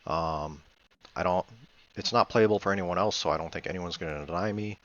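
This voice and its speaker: Reviewing a replay of his own board game, a man gives casual commentary, thinking aloud in a hesitant, matter-of-fact way. His voice sits low and is a bit bright, fairly quick, though the audio sounds dull.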